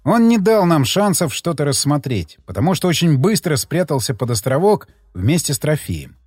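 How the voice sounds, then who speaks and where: A man narrating a tense first-person story in an expressive reading voice. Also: on the high side, moderate pace, breathy edge, no room sound. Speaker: audiobook narrator. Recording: dry close mic with faint music.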